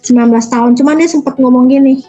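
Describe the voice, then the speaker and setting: High-voiced chatty woman telling stories. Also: steady tone, quick pace, mellow, muffled recording, soft background music. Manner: chatty, acts out quoted people in a higher voice. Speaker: interviewee. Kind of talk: casual storytelling.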